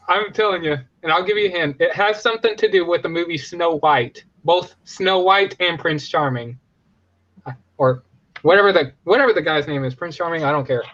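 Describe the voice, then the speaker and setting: High-voiced excitable man, dull lo-fi sound. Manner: excitable, jokey, laughs easily. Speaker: podcast co-host. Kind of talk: casual chat.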